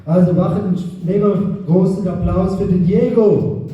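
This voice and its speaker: A man's voice: sits high, moderate pace, slight background noise. A man with a Swiss German accent, introducing the next comedian with enthusiasm. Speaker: emcee. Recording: dull, echoey, distant.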